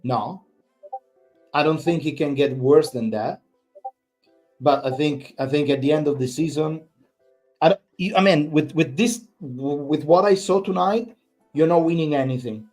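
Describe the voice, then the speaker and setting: A man vents after a bad match, his voice sitting slightly high. He repeats himself and swears, sounding thoroughly fed up. Faint music plays underneath. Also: a little slow, darkish tone. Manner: exasperated, repetitive, swearing. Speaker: fan channel host. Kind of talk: angry post-match reaction rant.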